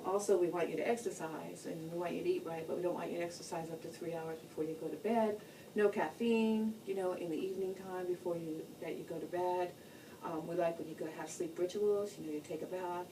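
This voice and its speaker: Mellow-voiced woman lecturing, recorded from afar. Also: lowish voice. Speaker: sleep health educator. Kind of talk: informal educational lecture. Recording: distant mic, noticeable background noise.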